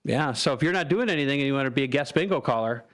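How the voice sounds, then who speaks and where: A man's voice: mid-range voice, expressive, racing. An American man chatting casually as a co-host on a radio show.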